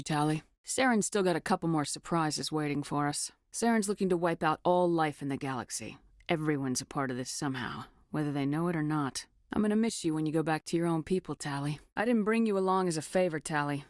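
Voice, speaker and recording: An actress voicing a tough, no-nonsense female starship commander in a video game, with a firm, measured, authoritative delivery. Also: low-pitched, darkish tone, dry recording, studio quality, close to an everyday voice. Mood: supportive, then resolute. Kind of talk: video game dialogue acting.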